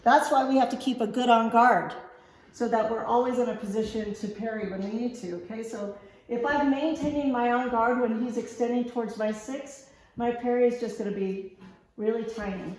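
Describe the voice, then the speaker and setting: This fencing coach has a fairly high, slightly mellow voice and talks at normal speed. She demonstrates technique one step at a time, casually asking "okay?" to confirm understanding, while the big room echoes heavily.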